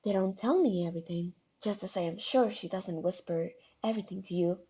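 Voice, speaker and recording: A woman's voice: medium pitch, a little fast, mellow, voice pushed down, natural voice. A woman voicing a composed, refined young female troll who speaks with precise, careful enunciation. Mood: measured.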